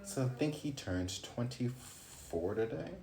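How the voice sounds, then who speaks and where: Over music, a man in his late twenties livestreams a card reading, ranting casually with swearing and sudden exclamations as he thinks aloud. His medium-pitched voice is gravelly and animated, at a measured pace. The room is echoey with faint ambience.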